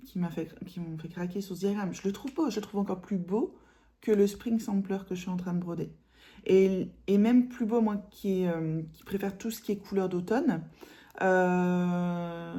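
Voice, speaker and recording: A woman from France with a mellow, slightly low voice, chatting casually in a hobby vlog. She rambles, restarts her sentences, fills pauses and now and then drops to a whisper. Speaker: cross-stitch vlogger.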